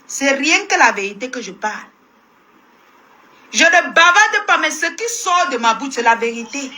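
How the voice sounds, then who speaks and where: A woman's voice: high voice, expressive, moderate pace, pushed and bright. A woman with a Cameroonian French accent hosting a live stream. She scolds her viewers and repeats herself in a combative rant. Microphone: phone live stream.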